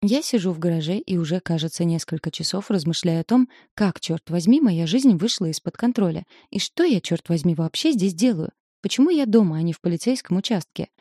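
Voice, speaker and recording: A woman's voice: fairly low pitch, lively intonation, a little fast, few pauses, warm tone, dry recording, studio quality. A woman reading a novel aloud in the first person, telling a tense, confessional story. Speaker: audiobook narrator.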